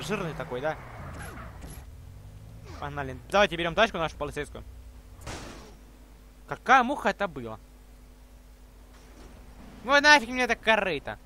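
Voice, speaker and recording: A young man hosts a gameplay video in a very high, bright, forceful voice. His pitch jumps around as he exclaims excitedly in street slang. Faint game noise sits behind him. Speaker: gaming video host.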